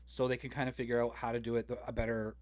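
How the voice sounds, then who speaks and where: A man's voice: medium pitch, flat delivery, rapid-fire. A man co-hosting a podcast in casual chat, self-deprecating, swearing and laughing a lot. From Canada. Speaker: podcast co-host.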